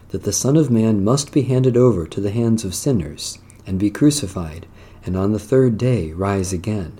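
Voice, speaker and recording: A man leading worship as clergy, reading prayers and scripture in a solemn, measured, declamatory way. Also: fairly low pitch, warm tone, breathy edge.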